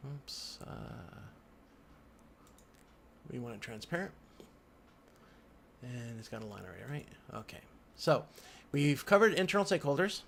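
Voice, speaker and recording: He has a mid-range, gravelly voice with a slightly bright tone, animated but a little slow, with frequent pauses. As an instructor at his computer indoors, he narrates a casual, unscripted screen-recorded tutorial, thinking aloud and murmuring to himself over keyboard and mouse noise.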